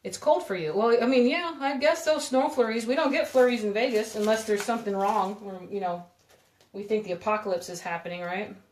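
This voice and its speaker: A woman's voice: medium pitch, fairly quick, slight background noise. A woman talks viewers through a crafting project on a live stream, rambling and chatting as she works. Her talk is casual and loose. The room around her sounds echoey. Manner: chatty, rambling, giggly, talks while working with her hands. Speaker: craft video host.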